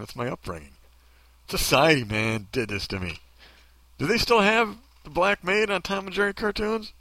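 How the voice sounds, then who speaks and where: A man's voice: a little high, bright, forceful tone, no room sound. A man hosting a podcast in casual commentary, joking and self-mocking. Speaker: podcast host.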